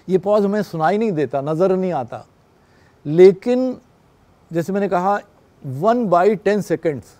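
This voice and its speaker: A man's voice: fairly high pitch, mellow. A man teaching a class on radio production, explaining patiently and often checking that his listeners follow. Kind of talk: classroom lecture.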